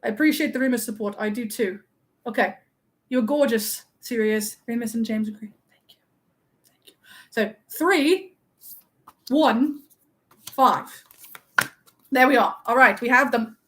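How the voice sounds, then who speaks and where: A vain, playful young wizard who loves compliments, played by a woman in her own high voice. He teases his viewers and acts wounded when they tease back, keeping up a chatty live-stream role-play. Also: measured pace, long pauses, natural voice. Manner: playful, teasing, mock-offended. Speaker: livestream host.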